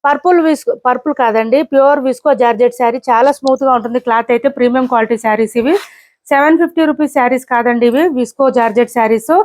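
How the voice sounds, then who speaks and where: A woman's voice: fairly high pitch, darkish tone. A woman presenting sarees for sale online, describing each one and repeating prices and ordering details. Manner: brisk, repetitive price callouts. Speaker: saree seller. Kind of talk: online sales showcase.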